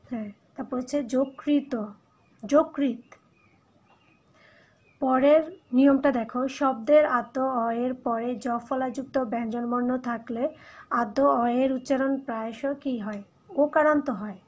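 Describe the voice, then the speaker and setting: A Bangladeshi woman teaches a recorded lesson in a high, husky voice. She explains each point step by step and leans on the example words, saying them again and again. The sound is dull and lo-fi. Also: fairly even intonation, normal speed. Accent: Bangladeshi Bengali. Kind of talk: recorded classroom lecture.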